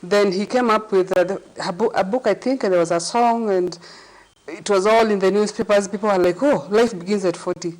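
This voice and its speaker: A woman in her forties speaks as a guest on a studio talk show, talking chattily and pausing often as she explains. Her pitch sits in an ordinary middle range. A lapel mic picks her up cleanly in the studio. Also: darkish tone, rough recording. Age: 40s. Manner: chatty, hesitant with fillers. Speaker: psychologist and life coach guest. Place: TV studio set.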